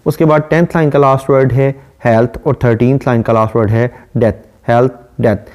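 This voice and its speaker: Mellow-voiced male literature lecturer. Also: mid-range voice, fairly even intonation. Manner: reads English verse slowly, then explains in Hindi-Urdu. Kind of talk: recorded lecture.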